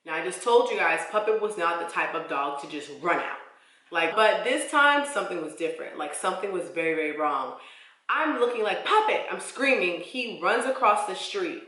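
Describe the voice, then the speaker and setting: A young woman vlogger tells a story from her life straight to her viewers in a storytime vlog, her voice bright and forceful yet fairly low-pitched, at a normal speed. Her expressive telling is casual and slangy, packed with "like"s. The room is echoey and bouncy.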